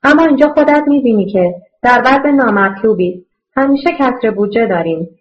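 A kind, earnest man who runs an orphanage, as a woman narrator puts him on, gently comforting and pleading in an audiobook. The voice sits fairly high and the sound is dull and muffled. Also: lively intonation, natural voice. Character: kind middle-aged male orphanage director, earnest.

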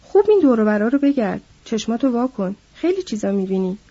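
A woman doing a loud, chatty ranch hand. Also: on the high side, slightly rough. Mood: eager gossip. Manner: loud, lively gossiping. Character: chatty young male ranch hand, eager for town. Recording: dull lo-fi audiobook recording.

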